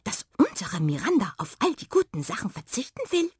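A woman's voice: a little high, huge pitch swings, a little fast, darkish tone, slightly rough, dry recording, studio quality, voice pushed up, full character voice. A woman voicing a prickly male hedgehog who talks in a blunt, bewildered way. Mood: grumbling.

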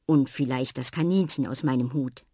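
A woman's voice: rumbling low, moderate pace, breathy edge, no echo, clean studio sound, pitched below the performer's own voice. A woman voicing a friendly, welcoming old male magician in a storybook. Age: older. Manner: warm, welcoming, gentle.

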